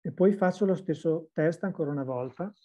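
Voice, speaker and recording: A woman's voice: low voice, fairly quick, dark tone, muffled recording. A woman interpreting a teacher's words into full sentences, with small restarts. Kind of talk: consecutive interpreting into Italian.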